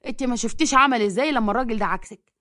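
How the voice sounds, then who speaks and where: A woman's voice: a little high, rapid-fire, sharp tone, dry recording, studio quality. A woman voicing a grumbling, resigned elderly father with an Egyptian accent.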